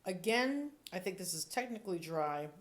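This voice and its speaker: A woman's voice: on the low side, expressive, normal speed. A woman sommelier giving casual tasting commentary, thinking aloud with playful, descriptive asides. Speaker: sommelier reviewing wines.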